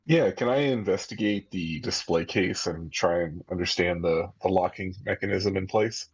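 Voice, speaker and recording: A man's voice: sits low, moderate pace, slightly rough, highs cut off, soft background music. A man playing a tabletop game, talking casually about his character's actions. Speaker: player.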